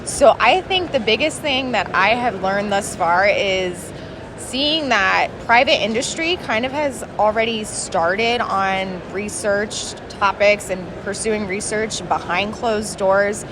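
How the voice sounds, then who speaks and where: At a conference event, a young adult woman who is a grad student gives casual, loosely hedged interview answers. She speaks slowly in a mid-range voice, with the event's background noise clearly audible.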